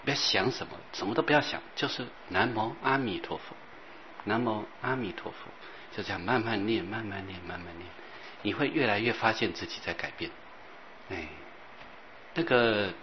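A man teaching as a Buddhist master, rambling and repeating himself, sometimes chanting softly. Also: fairly low pitch. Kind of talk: dharma talk. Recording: dull lo-fi recording with faint hiss.

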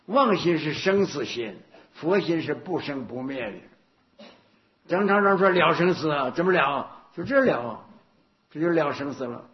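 Lively man giving a dharma talk. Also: fairly high pitch, unhurried. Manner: anecdotal, repetitive, rhetorical questions. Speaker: Buddhist teacher. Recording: dull lo-fi recording.

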